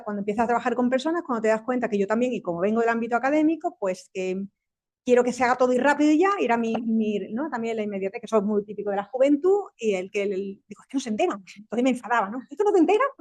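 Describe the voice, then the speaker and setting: A woman in her fifties with a Spanish accent, speaking on a panel as a tech company executive, animated and quick, laughing often and restarting her sentences. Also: a little high. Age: 50s. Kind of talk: panel discussion.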